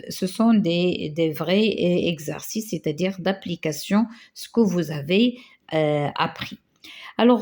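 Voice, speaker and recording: A woman teaching a grammar lesson to schoolchildren, reading out examples slowly and hesitating often. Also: on the low side, warm tone. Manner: slow, stretches example phrases, frequent hesitations. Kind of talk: grammar lesson correcting exercises.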